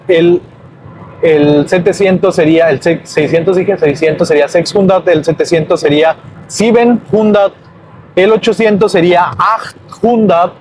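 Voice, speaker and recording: A man teaching numbers in a casual video lesson, slow and hesitant, often correcting himself. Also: high-pitched, darkish tone, rough recording. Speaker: language teacher. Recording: faint background noise.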